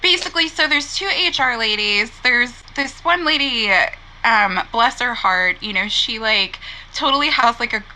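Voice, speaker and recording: A woman's voice: on the high side, expressive, moderate pace, bright, forceful tone, a little hiss or hum, rough recording. A young adult woman hosting a podcast, telling a story in a rambling casual way, full of "like" and "you know". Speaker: podcast host.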